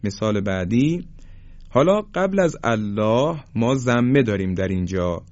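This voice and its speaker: Male tajweed teacher, steady explainer who stretches out his recited examples; muffled lo-fi recording. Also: lowish voice. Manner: explains briefly, then chants examples slowly and drawn out. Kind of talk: tajweed lesson. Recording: dull lo-fi recording.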